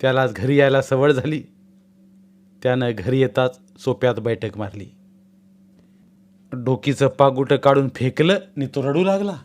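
A man narrating a village tale in a measured, deliberate reading. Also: mid-range voice, darkish tone. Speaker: storyteller. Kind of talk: storybook narration.

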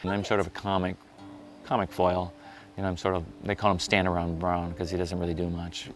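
A man who is an actor, talking in an easygoing, animated way in an interview. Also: low voice, fairly quick. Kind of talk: documentary interview. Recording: music playing underneath.

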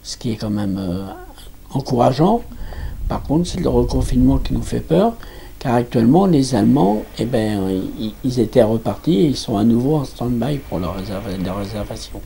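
Older man, mellow gravelly voice, hesitant interview answers. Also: medium pitch, expressive, slight background noise. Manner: halting, many restarts and fillers. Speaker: campsite manager. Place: small indoor office.

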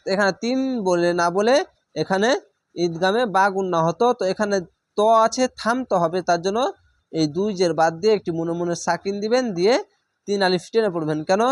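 A man with a fairly high voice leads a slow reading lesson. He sounds out each letter and vowel mark, then blends them into whole syllables, repeating patiently. The recording is close and dry. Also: dry recording. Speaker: Quran reading teacher.

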